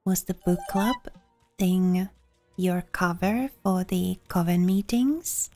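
A woman giving soft, hushed ASMR commentary while playing a video game. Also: lowish voice, slow, faint music behind. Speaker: let's play gamer.

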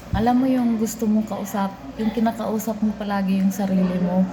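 A woman's voice: mid-range voice, level tone, a little fast, a crowd in the background. A woman vlogging in casual chat from her office, talking to herself and laughing often. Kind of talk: casual vlog talk. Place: office at work. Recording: echoey room with background noise.

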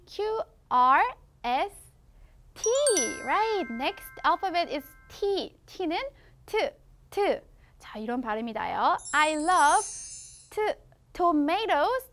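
A young woman with a Korean accent reading a children's English picture book aloud, stretching the English words slowly and explaining quickly in between, in an encouraging teacher's tone. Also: sits high, a bit bright.

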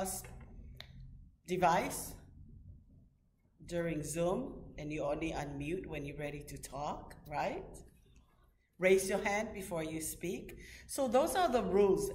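A woman's voice: on the low side, a little mellow, slight background noise. A middle-aged woman pastor giving a children's message in a church, asking simple questions patiently. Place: church sanctuary. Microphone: far camera. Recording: echoey room from far off.

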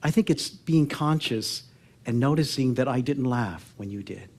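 On a theatre stage before a seated audience, a man in his sixties from Oakland, California, speaks with an American accent at a middling pitch and lively intonation. He tells personal stories earnestly and reflectively, pausing often and softening the ends of his phrases.

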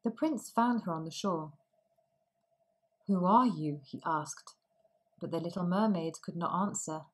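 A woman reads a fairy tale aloud for language learners, slow and clearly articulated. Her voice sits a little low, and she gives each sentence room. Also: low-quality recording. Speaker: storyteller. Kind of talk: storybook narration for language learners.

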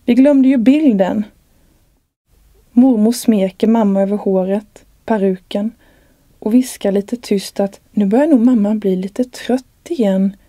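A woman, the author, reading aloud from her own novel in a calm, measured way. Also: mid-range voice, no room sound.

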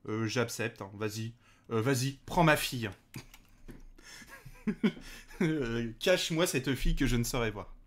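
Here a man casually commentates a let's play at normal speed, his medium-pitched voice a bit bright. Hesitations and fillers run through his chatter, and he speaks directly to the characters in the game.

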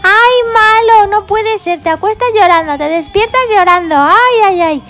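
A woman's voice: very high voice, measured pace, a bit bright, faint music behind, voice pushed up. A woman voicing a cheerful little girl pig who fusses over her baby dolls with doting sighs. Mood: fussing. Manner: fussy, doting, sighing often.

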